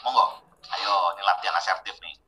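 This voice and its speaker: A man's voice: low voice, brisk, reverberant, poor audio. A man giving a training webinar, talking casually and putting questions straight to his audience. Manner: lively, questioning audience directly.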